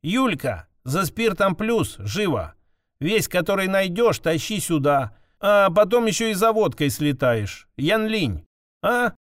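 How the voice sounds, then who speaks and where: A man's voice: high voice, big pitch swings, slow pace, a bit bright, no echo, studio quality, pitched above the performer's own voice, full character voice. A man voicing a small, frantic young woman scientist who barks urgent orders. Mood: bossy, urgent.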